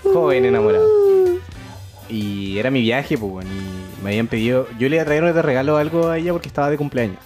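Animated young Chilean man telling a story. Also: medium pitch, fast talker, hardly any pauses, soft background music. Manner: animated storyteller, heavy slang, acts out scenes with loud outbursts. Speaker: podcast co-host. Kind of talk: casual chat.

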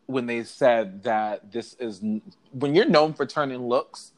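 A man chatting as co-host of a fashion review in a sassy, campy drag-queen style, animated and giggly. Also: mid-range voice, measured pace. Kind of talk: casual chat, commentary.

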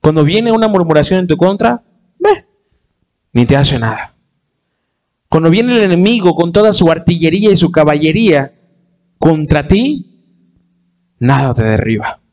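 A man's voice: animated, moderate pace, long pauses, a little mellow. A man preaching a sermon in an impassioned way, acting out the voices of hurting people. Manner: impassioned, acts out quoted voices with rising pitch.

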